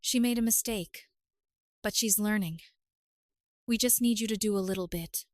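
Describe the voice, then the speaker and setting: A woman's voice: medium pitch, normal speed, no room sound, studio quality, lightly acted. Woman reading as a stern curt father. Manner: curt, sharp. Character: stern middle-aged father.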